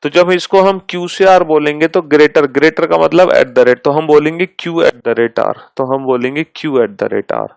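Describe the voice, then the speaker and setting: A man's voice: a little high, vocal fry, smooth, no echo, rough recording. A male teacher giving a math lesson, patiently repeating each step and affectionately addressing his students. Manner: reads out terms slowly and deliberately.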